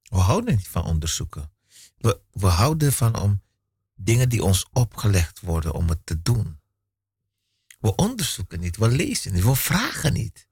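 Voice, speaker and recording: Slow gravelly raspy man. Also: fairly low pitch, sing-song, darkish tone, dry recording, clean studio sound.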